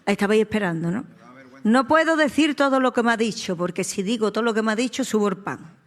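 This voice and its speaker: A woman's voice: a little high, animated, quick pace, in a large hall. A female singer being interviewed, telling stories in an emphatic, theatrical way.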